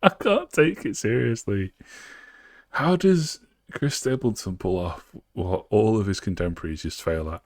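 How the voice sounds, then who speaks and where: A man's voice: on the low side, lively intonation, unhurried, a little mellow, dry recording, clean studio sound. A man casually reacting to a video, blunt and sweary, often laughing.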